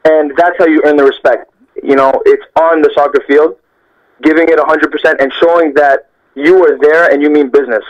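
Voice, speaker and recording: Over a muffled phone connection, a young adult Canadian man who plays football professionally shares reflective stories. He talks briskly in a slightly high voice with fairly even intonation, earnestly repeating phrases for emphasis.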